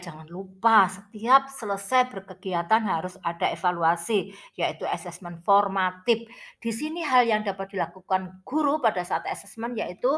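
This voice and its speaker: A woman's voice: mid-range voice, fairly bright tone. Javanese-accented woman teaching, speech muddled by toothache. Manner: chatty, explanatory, addressing listeners directly. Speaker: early childhood teacher giving an online tutorial. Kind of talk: informal instructional explanation for teachers.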